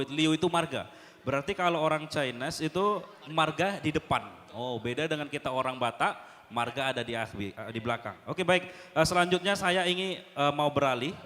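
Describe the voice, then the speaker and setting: A man's voice: mid-range voice, a bit bright. A man moderating a casual talk show, chatty and full of fillers. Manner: chatty, many fillers, brisk asides. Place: mosque hall. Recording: long hall reverb.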